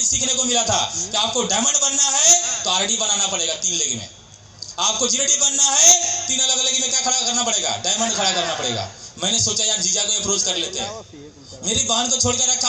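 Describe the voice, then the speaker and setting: A man with a Bihari Hindi accent giving a loud, animated motivational speech from a stage and calling out to the crowd. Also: very high voice, fairly quick. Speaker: motivational speaker. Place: event stage in a hall. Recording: echoey hall.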